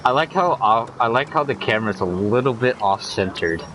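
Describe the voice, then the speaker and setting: A man's voice: medium pitch, lively intonation, a little fast, background noise. A young man casually chatting and thinking aloud while streaming a driving game. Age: young adult. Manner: musing, talking to himself while driving. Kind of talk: casual gameplay chat.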